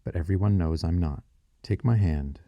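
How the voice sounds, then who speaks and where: A man reading the part of a gentle, polite female android caretaker who speaks softly and courteously in an audiobook. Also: low voice, normal speed, dry recording, dull audio. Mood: coaxing. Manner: soft, calm and courteous. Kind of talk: audiobook character voice.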